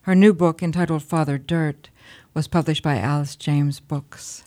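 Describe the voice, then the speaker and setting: A woman's voice: sits low, steady tone, measured pace, warm tone. A woman hosting a weekly radio program, reading a guest introduction and then chatting. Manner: scripted introduction, then friendly chat. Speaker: radio show host. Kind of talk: radio interview.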